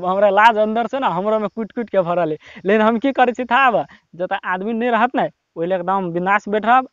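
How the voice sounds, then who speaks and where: A young man with a Maithili accent giving casual, rambling, encouraging advice to viewers, with lots of filler words, filmed by his brother in a quiet spot. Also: high voice, smooth, no echo, lo-fi sound. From Nepal. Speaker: YouTube tips vlogger. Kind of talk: casual motivational talk to camera.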